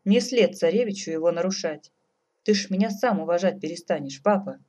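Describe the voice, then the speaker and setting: A woman voicing a stubborn, earnest young tsarevich who calmly defends his promise. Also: on the low side, fairly quick, close to an everyday voice. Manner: steady, stubborn.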